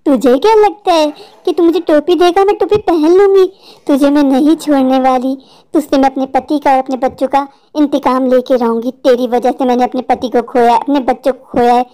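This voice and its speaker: A woman voicing a vengeful, grieving female witch spirit in a cartoon, with slow, gloating threats. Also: sits high, steady tone, dark tone, close to an everyday voice. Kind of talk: cartoon voice acting.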